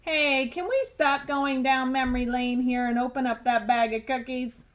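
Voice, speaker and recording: A woman's voice: high-pitched, steady tone, normal speed, a bit bright. A woman voicing a brash, nagging, impatient talking tooth that demands candy in a storybook reading. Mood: greedy, goading.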